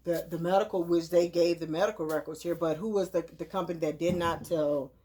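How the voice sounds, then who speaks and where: A woman's voice: on the low side, fairly even intonation, a little fast, warm tone. A woman in her thirties talking casually and earnestly, giving advice in a preachy way and often repeating her words. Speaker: host.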